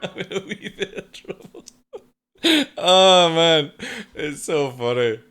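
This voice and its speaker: A man's voice: on the high side, animated, slow, a bit bright, smooth, soft background music. A man streaming, amused and laughing along while reacting to a comedy clip.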